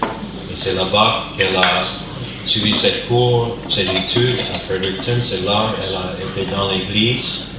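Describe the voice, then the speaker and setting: A pastor from New Brunswick, Canada, with a low male voice, hesitantly searches for words while introducing a church service. He's in a church sanctuary, recorded from far off in an echoey hall with background noise.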